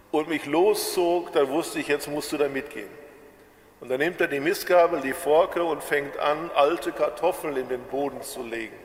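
A man from the Ruhr area preaching a sermon with a Ruhr German accent, slow and measured, drawing out his words. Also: a little high, echoey room, in a large hall. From Bochum, Ruhr area, Germany. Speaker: pastor.

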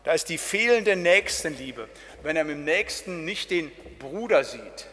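A man's voice: fairly high pitch, expressive, a little slow, pushed and bright, long reverb tail. A middle-aged man, a pastor, giving a casual Bible study talk and dropping in "ne?" and "halt" as he goes. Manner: casual, with tag questions "ne?" and "halt".

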